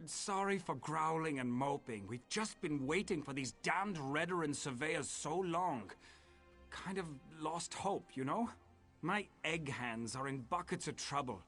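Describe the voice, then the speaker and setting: Game NPC: gruff mine boss, grumbling and blunt, fairly high voice. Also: male voice, pushed and bright, exaggerated voice. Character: weary, gruff male mine foreman. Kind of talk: video game dialogue.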